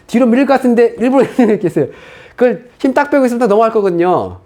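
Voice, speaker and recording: A high-voiced, quick-talking middle-aged male pastor gives a sermon testimony. His pitch swings widely as he acts out his past words and thoughts. The delivery is animated storytelling from the pulpit.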